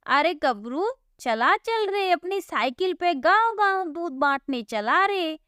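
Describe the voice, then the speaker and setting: A woman voicing a boastful, rude young village milkman in a storybook cartoon, loud and mocking. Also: very high-pitched, lively intonation, slow pace, no echo, clean studio sound, heavily acted. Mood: singing cheerfully.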